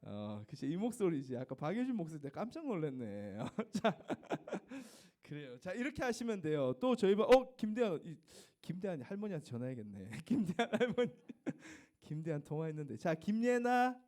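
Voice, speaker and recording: A man runs a church youth service from a room over a video call. His voice sits high and bounces through a wide, animated range. He teases the students by name and breaks into laughter between names. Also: moderate pace, few pauses. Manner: playful, laughing, teasing roll call. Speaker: youth ministry teacher. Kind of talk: leading a Zoom church service.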